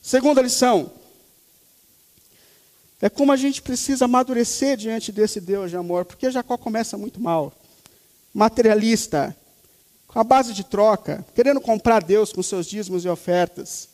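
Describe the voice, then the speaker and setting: A man's voice: high-pitched, normal speed, darkish tone. A male pastor in his thirties preaching a sermon, speaking emphatically and repeating key phrases for weight. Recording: reverberant hall.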